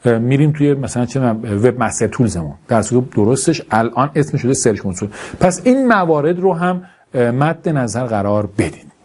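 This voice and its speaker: Dark, husky male course instructor. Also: mid-range voice. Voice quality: imprecise articulation of some sounds. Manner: deliberately slow, careful speech; informal, self-deprecating asides. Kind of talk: course introduction lecture.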